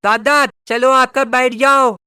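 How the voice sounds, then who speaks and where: A man voicing cartoon kids, talking in an excited, exclamatory way. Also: extremely high pitch, takes it slowly. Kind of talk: cartoon voice acting. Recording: music playing behind.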